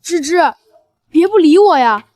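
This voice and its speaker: A woman's voice: very high voice, lively intonation, normal speed, darkish tone, dry recording. A woman doing an eager chubby boy prince. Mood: pleading. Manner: eager, wheedling.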